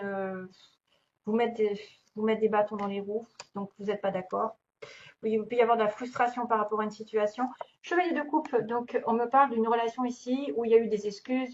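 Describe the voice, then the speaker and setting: A woman's voice: medium pitch, darkish tone. A woman doing a casual tarot reading, chatty and thinking aloud with many fillers and small laughs. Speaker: tarot reader. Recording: dull lo-fi recording, faint noise.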